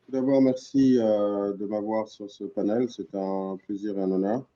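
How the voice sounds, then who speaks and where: A middle-aged man from Cameroon giving keynote remarks on an online panel, earnest and halting, full of fillers and restarts. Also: on the low side, steady tone, dark tone, lo-fi sound. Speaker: panel guest speaker.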